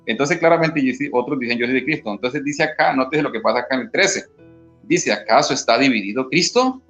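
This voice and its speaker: A little fast and expressive, with a fairly bright tone and medium pitch, a Colombian man explains Bible passages as an interview guest who used to belong to a church. He reads scripture aloud like a teacher and often asks "¿sí?", while faint guitar music plays under dull lo-fi audio.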